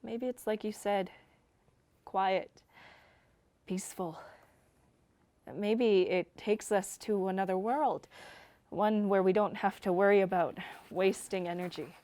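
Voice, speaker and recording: A woman playing a young woman facing her end together with her partner, speaking softly and tenderly in a drama reading. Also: medium pitch, fairly even intonation, slow pace, long pauses, close to an everyday voice. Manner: soft, tender, often hushed. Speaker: actor. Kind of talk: staged radio-style drama reading.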